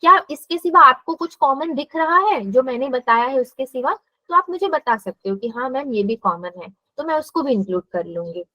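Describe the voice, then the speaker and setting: A woman's voice: sits high, lively intonation, fairly quick, bright, forceful tone, no echo, highs cut off. A woman math teacher giving a live classroom lesson, explaining step by step and asking her students questions.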